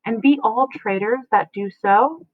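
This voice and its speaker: A woman reading the lines of a witty young boy who asks quick, cheeky questions. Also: fairly high pitch, dry recording, voice pushed up. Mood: questioning. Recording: tinny phone-like dry sound.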